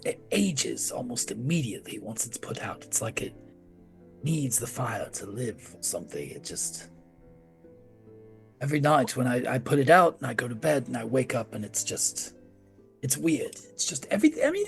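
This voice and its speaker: A nervous fantasy monster hunter, acted by a man at a game table, with a gravelly creak in his voice. He stammers and hedges evasively, his pitch swinging widely, over faint music. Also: very animated. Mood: puzzled, rambling. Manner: stammering, halting, hedging.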